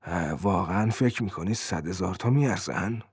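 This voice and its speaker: A man's voice: low voice, slightly rough, dry recording, studio quality, pitched below the performer's own voice. A man reading as Jim, a sneering greedy thief. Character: greedy, uneasy male thief, mocking.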